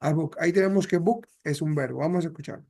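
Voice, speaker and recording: A man's voice: on the high side, fast talker, creaky, warm tone. A man with a slightly raised voice explains grammar patiently to his students. He switches easily between Spanish and English. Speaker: English teacher. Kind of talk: classroom grammar lesson.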